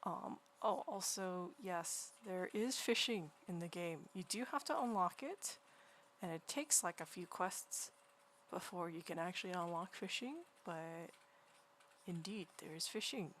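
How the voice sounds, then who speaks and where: A woman livestreaming while she draws, chatting casually in a quiet, soft, near-whispered voice and rambling through many restarts. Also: fairly low pitch, measured pace, a little hiss or hum. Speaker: livestreaming artist. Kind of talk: casual chat while drawing. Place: home room beside a partner who is gaming.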